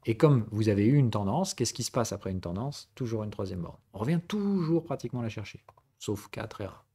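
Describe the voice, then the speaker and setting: With a lowish, mellow, slightly rough voice, a man from southern France runs a live-streamed trading lesson, animated and brisk. He answers chat casually, switching between formal and familiar address and constantly checking in with "okay?" and "right?".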